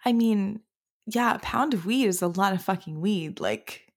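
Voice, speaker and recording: A woman's voice: mid-range voice, normal speed. A young woman guest on a podcast, chatting casually with short reactions and laughter. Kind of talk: casual chat.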